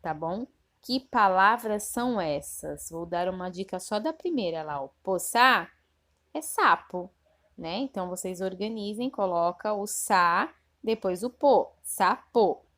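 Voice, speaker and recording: Woman teacher, unhurried recorded lesson for young children, patient and repetitive. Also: medium pitch, lively intonation, a bit bright. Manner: patient, repeats instructions with frequent checks; spells sounds slowly and clearly. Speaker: primary school teacher. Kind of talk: recorded remote class lesson.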